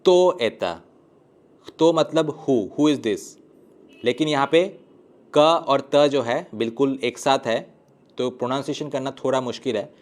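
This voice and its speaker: A male teacher giving an online language lesson, with a voice pitched in the ordinary middle range for a man. He explains grammar patiently, step by step. He slows right down to draw out each example word when modelling pronunciation. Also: steady tone. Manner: slow, drawn-out model pronunciation of example words.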